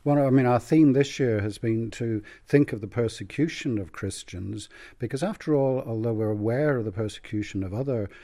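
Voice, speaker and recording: An archbishop from Dublin, Ireland, speaks in an earnest, measured manner during a conversational joint address. His voice is mid-range with a dark tone.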